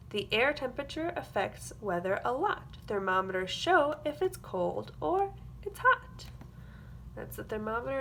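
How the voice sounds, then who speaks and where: An early-grades classroom teacher reads a picture book aloud to young children, her voice a little high and fairly bright. She reads expressively and adds simple explanatory asides. There's a slight hiss or hum in the audio.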